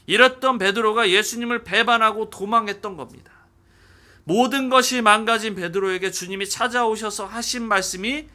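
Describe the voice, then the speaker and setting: A man preaching a sermon as pastor, animated, acting out dialogue. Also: sits high.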